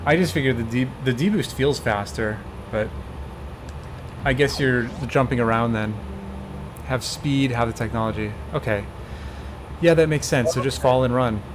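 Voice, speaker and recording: A relaxed man in his twenties talks a friend through a game route one step at a time, often breaking into laughter. His pitch sits in an ordinary middle range. A steady hum of air conditioning runs clearly under the voice. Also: normal speed. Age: 20s. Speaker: streamer coaching a speedrun. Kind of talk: casual gameplay chat.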